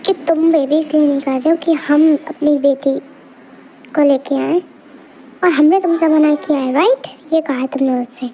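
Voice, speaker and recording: A woman's voice: high-pitched, steady tone, moderate pace, warm tone, muffled recording, slight background noise, close to an everyday voice. A woman voicing a scolding older brother in an amateur fan dub, accusing his sibling.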